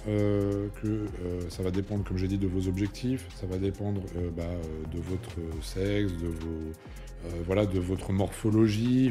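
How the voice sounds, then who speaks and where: A young man with a lowish, mellow voice talks straight to camera as a fitness coach. He is chatty and emphatic, full of fillers and quick asides, with faint music under him. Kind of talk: casual talk to camera.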